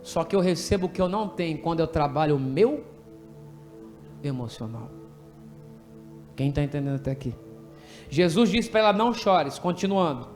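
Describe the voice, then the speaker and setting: A man with a Brazilian Portuguese accent preaching an animated, jokey sermon in a church, directing people from the pulpit to act out a story. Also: on the high side, moderate pace, long pauses, faint music behind. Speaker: pastor. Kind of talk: lively sermon with congregation re-enactment.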